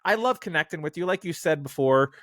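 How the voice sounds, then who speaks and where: A man's voice: a little high, animated, a little fast, a bit bright, no room sound, studio quality. A man hosting a podcast, chatting casually and rambling with lots of fillers and restarts. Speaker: podcast host.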